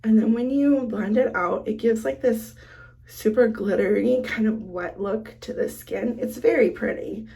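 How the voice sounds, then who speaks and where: Sick and going hoarse, a woman beauty vlogger talks through her makeup in a relaxed get-ready-with-me chat, musing aloud as she goes. Her voice sits fairly high and moves a little slowly, creaky and dark in tone.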